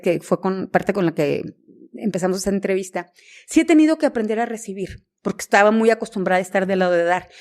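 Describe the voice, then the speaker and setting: A woman journalist with a Mexican Spanish accent, a guest on a podcast, telling stories and acting out the dialogue. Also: mid-range voice. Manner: animated storyteller, acts out dialogue. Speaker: guest, journalist and news director. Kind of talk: conversational podcast interview.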